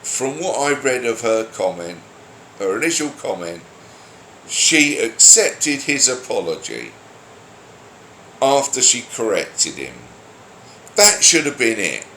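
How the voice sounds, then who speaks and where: Very animated yet slow, with long pauses, the man pushes his mid-range voice into a bright register. He's an irritable online commentator airing blunt, foul-mouthed opinions without a script. Faint noise and a roomy echo fill the recording.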